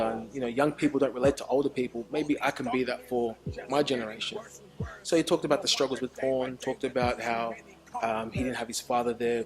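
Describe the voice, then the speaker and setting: A man's voice: medium pitch, rough recording. A gospel musician and minister, a man, giving earnest and reflective interview answers that turn openly confessional. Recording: crowd chatter in the background.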